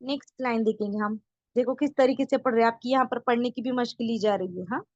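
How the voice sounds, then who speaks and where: A woman teaching an online beginner Urdu writing lesson, patient, repeating words slowly and often checking that her students follow. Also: on the high side, a little mellow, dry recording, lo-fi sound. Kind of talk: online beginner lesson, explaining letters step by step.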